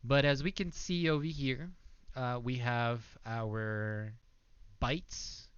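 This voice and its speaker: A man reads a text adventure aloud with loud shouted character lines, then explains his code hesitantly with many fillers. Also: medium pitch, steady tone, slow pace, smooth, no room sound, dull audio. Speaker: student presenting a coding project.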